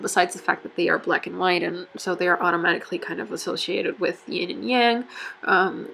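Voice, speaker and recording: This woman's voice is lowish, creaky and a bit bright, on a low-quality recording with a little hiss or hum. She's a non-native English speaker with a cold, casually walking through her bullet journal setup. Fillers and self-corrections come up often.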